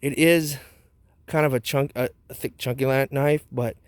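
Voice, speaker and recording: A man's voice: medium pitch, fairly even intonation, normal speed, clear, resonant tone, no room sound, clean studio sound. A man hosting a casual product review vlog outdoors, talking with a wad of chewing tobacco dip in his mouth. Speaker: knife review channel host.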